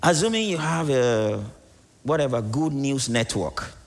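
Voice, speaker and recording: A male preacher delivering a sermon, swinging between low asides and sudden emphatic rises, peppering it with rhetorical questions to the congregation. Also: animated, unhurried. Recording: long hall reverb.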